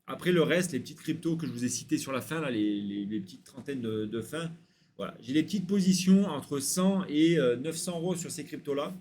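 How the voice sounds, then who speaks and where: A man talking casually to his viewers with lots of hesitant fillers, rattling off long lists in a relaxed way. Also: fairly high pitch, fairly quick, a little hiss or hum. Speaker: crypto YouTuber. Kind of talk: casual to-camera talk.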